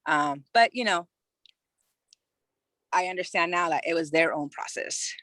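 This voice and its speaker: Unhurried and on the low side, her fairly bright voice carries no echo. She's a woman in her thirties from California who, as a podcast guest, recounts her own story frankly and conversationally, with frequent "you know" fillers and casual swearing.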